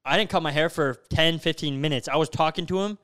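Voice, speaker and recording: Young male host, high smooth voice, chatty frat-bro slang. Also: quick pace, a bit bright. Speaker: podcast host. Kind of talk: casual banter.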